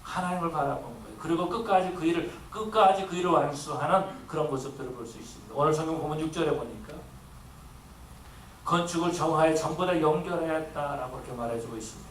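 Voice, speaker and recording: Korean pastor guy preaching, kinda high voice, sounds far off in an echoey room. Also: fast, slight background noise. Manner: earnest preaching, acting out quoted voices. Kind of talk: sermon. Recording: echoey room from a distance with faint ambience.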